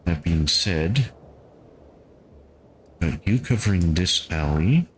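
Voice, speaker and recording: A man giving calm gameplay commentary, thinking aloud and talking to his squad as he plays. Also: sits low, slow pace, a little hiss or hum. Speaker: gameplay streamer.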